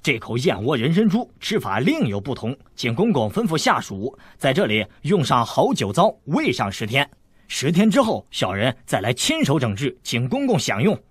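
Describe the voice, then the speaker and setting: 男声扮演的精明和气的中年店老板, 语调起伏, 录音干. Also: male voice, medium pitch, huge pitch swings, moderate pace, breathy edge, no room sound. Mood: deferential. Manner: polite, deferential. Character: clever jovial middle-aged male shopkeeper.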